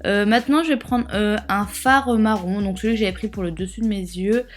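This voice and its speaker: A woman's voice: mid-range voice, a little fast. A young woman casually narrating a makeup tutorial, rambling with lots of fillers and joking asides. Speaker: beauty vlogger.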